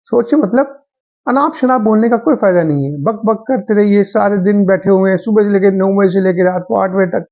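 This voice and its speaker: A man's voice: high-pitched, fairly quick, muffled recording. A man giving a motivational talk, speaking earnestly and addressing his listeners as friends.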